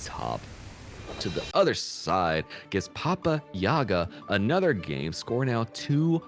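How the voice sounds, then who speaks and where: A man giving fast, excitable play-by-play commentary on a fighting-game match. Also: fairly low pitch, over music. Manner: quick, excitable play-by-play calls. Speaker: tournament commentator.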